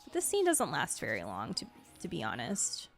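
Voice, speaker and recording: Low-pitched and creaky, this woman's voice swings hugely in pitch at a moderate pace. She's a game streamer and video creator ranking game trailers in casual, rambling reaction commentary peppered with gushing asides, with faint music underneath.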